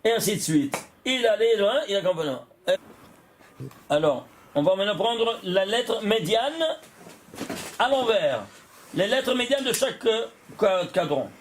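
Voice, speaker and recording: A man's voice: high-pitched, animated, measured pace, a little hiss or hum. A man, a rabbi, teaching a Torah lesson, chuckling often, restarting phrases and checking that his listeners follow. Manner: talks directly to listeners, checking they follow; chuckles often while explaining.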